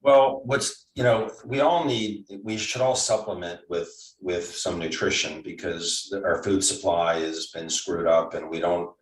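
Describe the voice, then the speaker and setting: A physician in his sixties, appearing as a guest, explains things step by step in a casual, conversational way, often restarting his sentences. His voice sits low, and he keeps a measured pace with hardly any pauses. The recording sounds roomy and distant from the mic.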